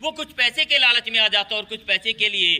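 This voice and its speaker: A man's voice: very high-pitched, fairly quick. A man performing as a stage magician at a school event, telling stories and repeatedly addressing the children. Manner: repetitive, lively storytelling, keeps addressing the children. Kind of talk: magic show patter for schoolchildren. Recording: noisy school show recording.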